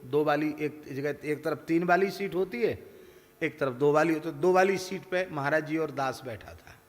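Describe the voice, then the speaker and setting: A man's voice: a little high, big-room sound. A man giving a devotional discourse, telling stories and mimicking village characters in their voices. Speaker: spiritual teacher.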